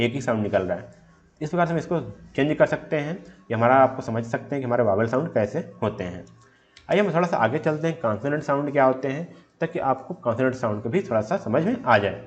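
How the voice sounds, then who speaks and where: A man's voice: medium pitch, muffled recording. A man giving an exam revision lecture. He reads English definitions off his slides, then explains them plainly and keeps asking rhetorical questions he answers himself. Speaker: teacher.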